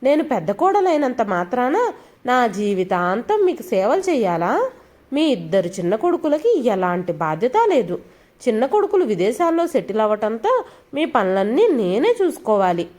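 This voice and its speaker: This is a domineering young daughter-in-law from an audio storybook, loud and scolding, as a woman narrator puts her on. Her high voice leaps up and down as she berates. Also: sing-song, moderate pace. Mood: angry scolding. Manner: shouting, scolding.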